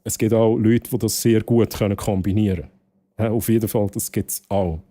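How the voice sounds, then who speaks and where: A Swiss game livestreamer with a Swiss German accent casually chats to his viewers in a rather low, steady, warm voice, talking fairly quickly. He rambles and repeats phrases, with some English mixed in.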